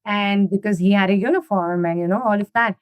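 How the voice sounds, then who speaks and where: A woman's voice: mid-range voice, a little fast, dry recording, highs cut off. A middle-aged woman from India, chatting as a guest in an interview and leaning on "you know" and "right?". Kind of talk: casual interview conversation.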